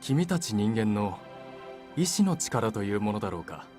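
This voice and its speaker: An actor playing a mysterious, calm, teasing male god of fate in a game. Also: on the low side, quick pace, faint music behind. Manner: calm, knowing, lightly teasing. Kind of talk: Japanese game voice acting.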